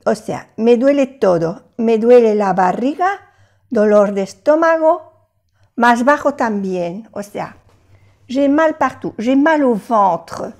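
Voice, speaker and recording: Older woman, language teacher, slow unhurried delivery, fairly high voice, patient repetition. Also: lively intonation, darkish tone. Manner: patient, repeats phrases slowly. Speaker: French teacher. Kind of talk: language lesson.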